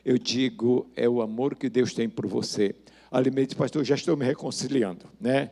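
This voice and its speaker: Older Brazilian male pastor, mellow and gravelly, acts out the dialogue while he tells the story. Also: medium pitch, steady tone, moderate pace. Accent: Brazilian Portuguese. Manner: storytelling, acting out the dialogue of each person in the story. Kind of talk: sermon testimony.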